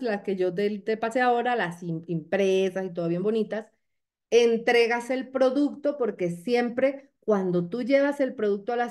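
A woman's voice: on the high side, darkish tone. A woman giving a motivational training talk to her sales team, coaching them and checking in often with short questions.

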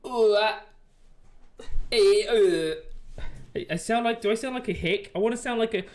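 A man doing live gameplay commentary as a streamer, chatty and excitable, swearing often. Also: very high-pitched, racing. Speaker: game streamer.

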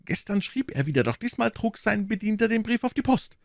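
Anxious storybook innkeeper, pleading, high-pitched, as a male narrator does him. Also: lively intonation, fairly quick, vocal fry, dry recording, clean studio sound. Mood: fretful. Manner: pleading, fretful. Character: anxious, fussy male innkeeper owed money.

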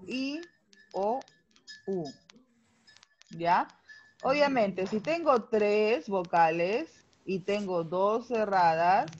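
Slow, patient Peruvian woman teacher. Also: medium pitch, lo-fi sound. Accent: Peruvian Spanish. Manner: patient, explanatory, checks understanding with tag questions. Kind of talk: online class lecture.

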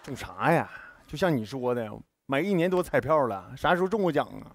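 An actor playing a flustered lottery winner in a sitcom. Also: male voice, medium pitch, sing-song, fairly quick. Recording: loud studio audience laughter and noise.

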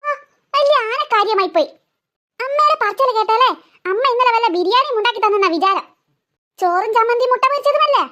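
A woman's voice: very high-pitched, expressive, a little fast, pauses often, pushed and bright, dull audio, exaggerated voice. A woman voicing hungry cartoon children who whine and complain sarcastically about their food. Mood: sarcastic. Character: hungry, whiny cartoon children, sassy and teasing. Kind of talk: cartoon voice acting.

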